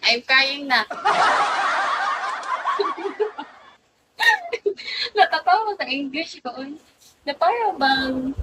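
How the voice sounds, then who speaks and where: Young woman, high voice, slow and giggly, casual live-stream chat, faint room noise. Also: lively intonation. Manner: giggly, mixes English and Filipino. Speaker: livestream host.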